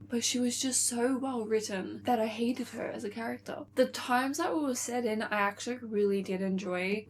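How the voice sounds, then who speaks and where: A woman's voice: mid-range voice, a little mellow, slight background noise. A young woman vlogger chatting casually about books she is reading, gushing and chatty with lots of "like" and "really". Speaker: book vlogger.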